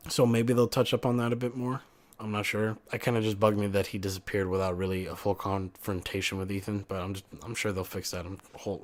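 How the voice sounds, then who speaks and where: A young man talks through a game review in a loose, rambling way. His voice sits a bit low, and he swears freely. He keeps stopping to correct himself mid-sentence. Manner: rambling, profane, self-correcting.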